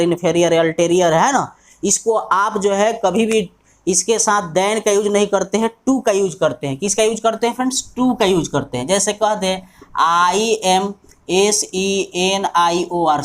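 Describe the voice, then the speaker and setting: Indian man teaching English step by step. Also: high-pitched. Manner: explains step by step, spells words letter by letter, repeats questions to the class. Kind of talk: online English lesson.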